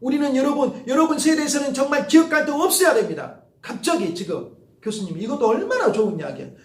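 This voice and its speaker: A middle-aged man with a Jeolla Korean accent, a professor giving a lively lecture to students, repeating phrases and swinging from soft to loud. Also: very high-pitched, fast, echoey room.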